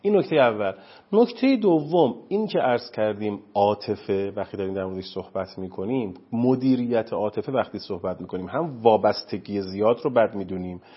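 Husky man lecturing on family life. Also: fairly low pitch, lively intonation. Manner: earnest, lecturing, emphatic. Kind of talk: talk show discussion. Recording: dull lo-fi recording.

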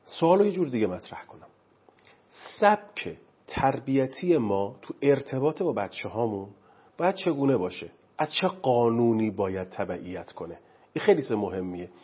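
A man's voice: medium pitch, very animated, husky, muffled recording. A man from Iran, a parenting expert on a TV interview, explaining parenting styles in a lecturing way with many rhetorical questions.

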